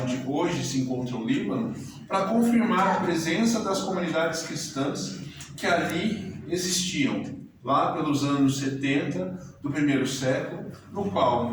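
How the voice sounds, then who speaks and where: A man with a Brazilian Portuguese accent preaching a sermon in a slow, measured way with deliberate pauses. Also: fairly high pitch. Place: church hall. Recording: very echoey church from a distance, audible noise.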